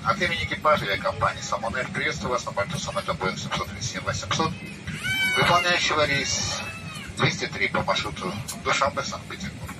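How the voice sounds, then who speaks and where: A man speaks as an airline captain over the cabin loudspeaker, reading a formal welcome with flight details. His delivery is fast and lively in pitch. He sounds distant through the cabin speaker, with a steady engine noise behind him. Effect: heard over the aircraft cabin loudspeaker.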